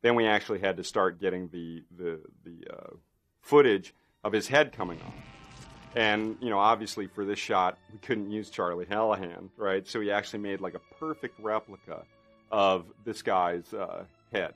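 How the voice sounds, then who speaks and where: Brief: lower-voiced man, effects artist, rambling interview storytelling, faint music underneath. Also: moderate pace, fairly bright tone. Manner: rambling, many fillers and restarts. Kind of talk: documentary interview anecdote.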